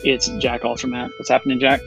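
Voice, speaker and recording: A man's voice: medium pitch, monotone, fast, fairly bright tone, faint music behind, low-quality recording. A man co-hosting a podcast in casual chat, rambling with many restarts. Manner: rambling, full of fillers and restarts. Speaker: podcast co-host.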